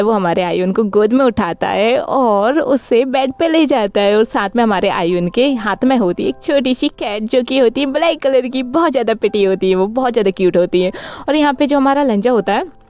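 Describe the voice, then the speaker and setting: A woman's voice: fairly high pitch, normal speed, darkish tone, lo-fi sound. A woman casually retelling a story in a chatty, rambling way, often correcting herself as she goes.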